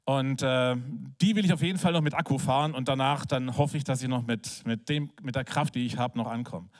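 A man preaching in a conversational, animated way, telling a personal story with filler words, then praying softly. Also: medium pitch, a little fast. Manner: soft, hushed prayer. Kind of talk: sermon with personal story and prayer.

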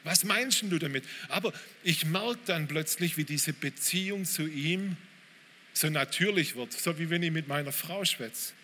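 A man preaches in a casual, direct way, his voice bright and forceful and a little high. He is on a stage mic in a church hall with a long reverb. A faint room noise sits behind him. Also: unhurried. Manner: informal, direct, addresses listeners with hey. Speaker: pastor. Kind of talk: sermon.

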